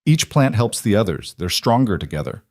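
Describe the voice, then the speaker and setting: A man's voice: on the low side, very animated, normal speed, a little mellow. A man voicing an eager, chatty young girl in a storybook reading.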